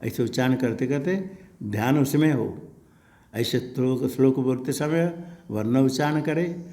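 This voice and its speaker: Gravelly guy giving a slow scripture class, lecture-style, chuckles now and then. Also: mid-range voice. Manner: unhurried explanatory teaching with soft laughs. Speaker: teacher of scripture. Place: ashram classroom.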